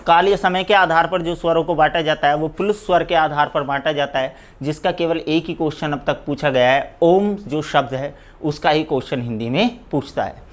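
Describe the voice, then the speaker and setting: Male teacher with a Rajasthani Hindi accent, running a live exam-prep class, answers his own questions and dictates slowly. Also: fairly high pitch. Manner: asks questions then answers them himself; repeats "दोस्तों" often. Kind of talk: live online grammar class.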